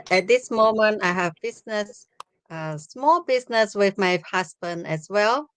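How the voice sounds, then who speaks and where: A woman, hosting a live stream from home over a video call, speaking haltingly with many restarts. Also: mid-range voice, sharp tone, smooth, dry recording. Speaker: host. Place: home room with bookshelves. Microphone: webcam on video call.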